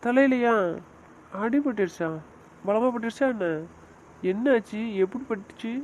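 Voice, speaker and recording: A man's voice: high voice, steady tone, a little fast, darkish tone, slight background noise, close to an everyday voice, low-quality recording. Man doing a scolding, protective brother-in-law. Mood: concerned, scolding. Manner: scolding, prodding, emphatic. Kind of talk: audio drama acting.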